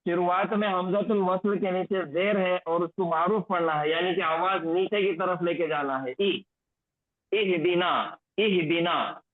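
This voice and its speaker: A man with a high voice teaches a Quranic Arabic recitation lesson, slowing down to drill each phrase again and again. The sound is thin and phone-like, with a dry, close feel and no room around it. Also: fairly even intonation, no echo. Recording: tinny phone-like lo-fi audio, dry.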